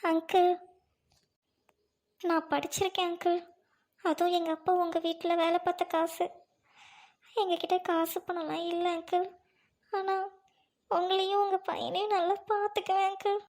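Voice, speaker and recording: A woman acting as a humble, sincere young woman in an amateur drama, speaking earnestly and gently. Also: very high-pitched, little pitch movement, moderate pace, pauses often.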